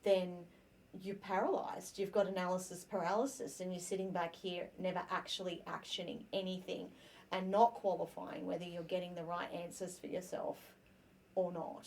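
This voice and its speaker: Expressive woman with a lowish voice. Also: moderate pace, vocal fry, a little hiss or hum. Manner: animated, acts out quoted inner dialogue. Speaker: podcast host. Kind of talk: casual conversational chat.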